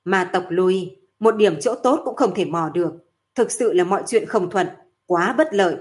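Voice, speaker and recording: A man's voice: high-pitched, normal speed, close to an everyday voice. A woman voicing a grim male sect elder who speaks in a heavy, solemn way.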